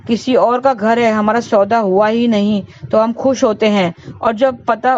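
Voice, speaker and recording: A woman's voice: medium pitch, a little mellow. Woman host, devotional storytelling and moral talk; earnest, repetitive; lo-fi, faint hiss. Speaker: devotional astrology channel host.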